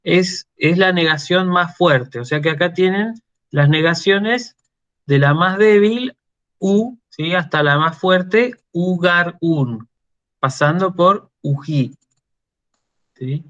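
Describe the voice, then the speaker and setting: Argentine male lecturer, middle-aged, unhurried and somewhat high-pitched, dull lo-fi class recording. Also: fairly bright tone. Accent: Argentine Spanish. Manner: slow explanatory delivery with frequent "¿sí?" checks. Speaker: university lecturer.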